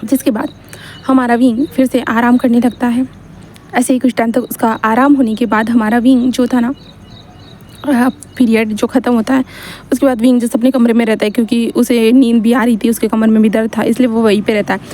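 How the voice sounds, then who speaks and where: A woman's voice: a little high, level tone, a little fast, dark tone, slight background noise. A woman narrating a fan-fiction story in a chatty, filler-laden retelling.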